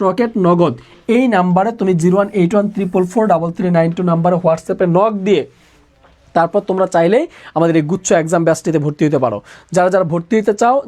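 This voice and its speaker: A man teaching a live online exam-prep class who repeats each question and answer again and again, pushing students to answer quickly. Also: high voice, darkish tone. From Bangladesh. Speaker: admission exam tutor.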